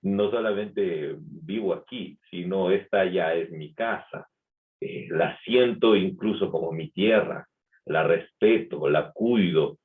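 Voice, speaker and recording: Deep-voiced man preaching with a light Peruvian accent. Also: slow pace. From Peru. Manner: reflective, asks rhetorical questions. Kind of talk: Sunday sermon. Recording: tinny phone-like sound.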